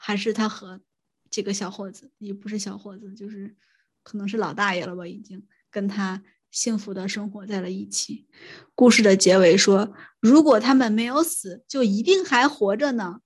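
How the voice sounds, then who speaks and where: A woman co-hosting a podcast, telling a folk tale in a relaxed, wry, soft-spoken way. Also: medium pitch, normal speed, slightly rough. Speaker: podcast co-host. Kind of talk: casual storytelling chat.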